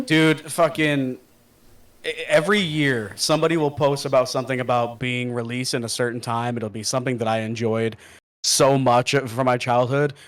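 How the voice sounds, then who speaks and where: A man who has just turned thirty grumbles good-naturedly about getting older, swearing as he goes. His voice sits at an ordinary mid pitch, and he talks in a loose, joking way. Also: normal speed. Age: 30s. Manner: grumbling, profane, self-mocking. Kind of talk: casual chat.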